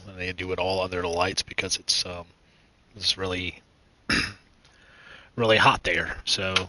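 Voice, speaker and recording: A man from the United States hosting his own gaming channel, chatting casually and rambling with many fillers, restarts and throat clearing. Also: deep voice, pushed and bright, rough recording. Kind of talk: casual gaming news chat.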